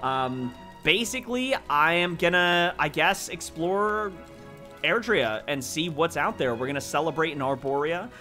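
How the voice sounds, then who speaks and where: Man, gameplay commentator, upbeat and chatty, fairly high bright voice. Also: a little slow, faint music behind. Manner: excitable, gushing, chatty. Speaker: let's play host.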